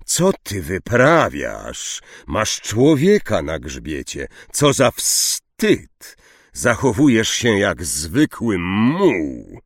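A man's voice: deep voice, very animated, a little slow, no echo, clean studio sound, exaggerated voice. A male narrator voicing a proud, hostile centaur who growls and scolds in an audiobook. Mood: angry.

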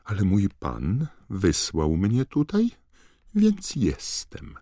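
A man voicing a timid, servile female house-elf in an audiobook, with a high, trembling squeak and constant deference. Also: wildly swooping pitch, very slow, dark tone, dry recording, clean studio sound, full character voice. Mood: servile, anxious. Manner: servile, calls everyone sir. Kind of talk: audiobook character voice.

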